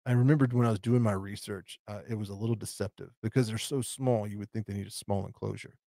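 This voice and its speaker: A man chats on a live stream in a loose, rambling way, answering viewers' questions. His voice sits low and carries a gravelly fry. The sound is dry and close. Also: fairly even intonation, fast, mellow, no echo. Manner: rambling, answers chat questions with frequent fillers and restarts. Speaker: tarantula channel host. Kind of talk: casual live stream chat.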